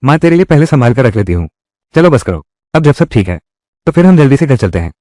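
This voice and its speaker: Man with a lively, varied pitch. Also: fast, dry recording, studio quality. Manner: reads every part in one voice. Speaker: dubbing narrator. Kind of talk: Hindi drama recap dubbing.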